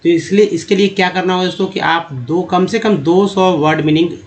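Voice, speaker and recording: A man's voice: sits high, a little fast. A man teaching English pronunciation in Hindi, stretching and repeating example words step by step while addressing viewers as friends. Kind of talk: Hindi-language pronunciation lesson.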